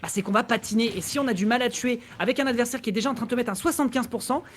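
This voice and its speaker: Fast-talking esports caster. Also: medium pitch, slight background noise. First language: Italian. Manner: rapid, analytical, quick self-corrections. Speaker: co-commentator. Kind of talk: esports play-by-play commentary.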